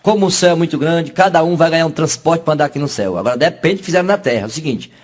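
A man rattles off jokes in a fairly high voice. He chuckles between punchlines and jumps into squeaky voices for his characters, which keeps the telling lively. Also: very fast. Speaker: comedian. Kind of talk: joke telling.

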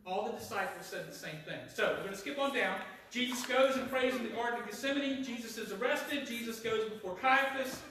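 A man preaching a sermon, reading scripture aloud and dropping low and slow at solemn lines. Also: bright, forceful tone, a little hiss or hum. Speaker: pastor. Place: church sanctuary. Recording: echoey church sanctuary, mic at a distance.

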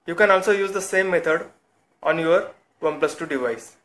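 A man's voice: a little high, fairly quick, a bit bright. A man hosting a phone tutorial, giving short step-by-step instructions. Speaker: tech channel host.

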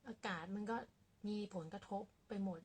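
A woman vlogging casually about her cats in a small apartment room, talking softly and quietly in a relaxed, rambling way. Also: medium pitch, normal speed, slightly rough. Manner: speaks softly and quietly to avoid disturbing neighbours; rambling and relaxed with many fillers. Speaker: cat owner vlogger. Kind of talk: casual chat to camera.

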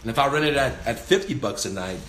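A man's voice: mid-range voice, lively intonation, fast talker, fairly bright tone, echoey room, a little hiss or hum. A man in his forties, a real estate investor, giving a casual, profane, emphatic talk to the camera while gesturing with his hands. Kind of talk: casual instructional vlog. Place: indoors, small room by a window.

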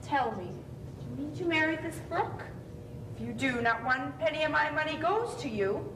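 A woman's voice: lively intonation, moderate pace. A woman on an amateur stage playing a stern, wealthy old aunt who scolds and lays down terms like an old tycoon. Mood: imperious. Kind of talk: amateur stage play acting. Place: theatre stage, indoors. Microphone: far camera. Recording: noisy, rumbling, echoey distant stage recording.

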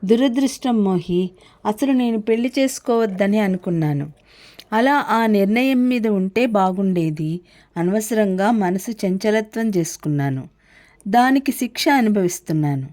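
A woman reading the part of a grieving young wife quietly confiding in a friend, in a storybook reading. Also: mid-range voice, expressive, unhurried, close to an everyday voice. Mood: sorrowful.

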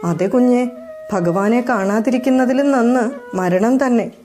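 A woman's voice: a little high, measured pace, mellow, soft background music, lightly acted. A woman voicing a devout young wife, anxious and tearful, who asks questions in astonishment. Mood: astonished. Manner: astonished, pleading.

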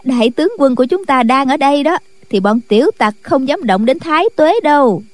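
A woman's voice: sits high, animated, a little fast, darkish tone, no echo, voice pushed up. A woman reading the lines of a cheerful young female disciple in a teasing manner.

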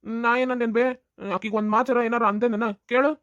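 A woman's voice: a little high, flat delivery, moderate pace, no echo, lightly acted. A woman voicing a defensive, grumbling grown son in a cartoon, speaking in a North Karnataka Kannada accent. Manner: pleading, defensive. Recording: dull, muffled sound.

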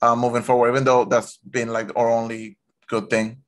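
On a video call from a room at home, a man in his thirties co-hosts a fan podcast, chatting loosely and animatedly about sports. His mid-range voice keeps a level tone at a moderate pace.

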